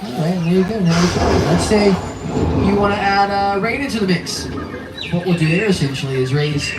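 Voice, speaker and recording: A man working as a tour guide, chatting to passengers with playful mock drama, at times shouting as if calling out from shore. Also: high voice, a little fast. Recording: distant noisy tour tram loudspeaker.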